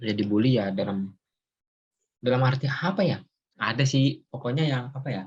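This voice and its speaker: A man's voice: medium pitch, fairly quick, breathy edge. A young man hosting a casual chat, rambling with many fillers and laughing as he talks. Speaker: host. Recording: dull lo-fi sound.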